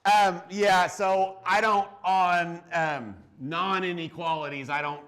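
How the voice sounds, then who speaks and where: A man's voice: high voice, fairly even intonation, takes it slowly, fairly bright tone. A man in his forties teaching a math class, chatty and encouraging, with joking asides to his students. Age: 40s.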